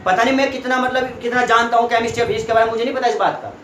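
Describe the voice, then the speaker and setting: A man's voice: very high-pitched, fairly even intonation, very fast, a bit bright, a little hiss or hum. Young man, classroom tutor, repetitive check-ins, echoey room recording. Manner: repetitive, keeps checking students follow. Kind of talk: classroom lesson explaining chemistry. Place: small classroom with students.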